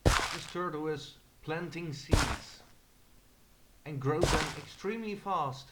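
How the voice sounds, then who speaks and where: A young Dutch man from the Netherlands, with a slightly high voice and an accent, slowly narrates a tour of his game server in a casual screen-recorded walkthrough. He speaks hesitantly with many fillers, and there is heavy background noise.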